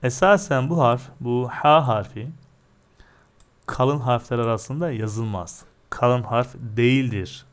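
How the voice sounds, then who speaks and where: A man teaches a recorded reading lesson at an unhurried, deliberate pace and a mid-range pitch. He drills syllable after syllable patiently, posing questions and then answering them himself. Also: clear, resonant tone.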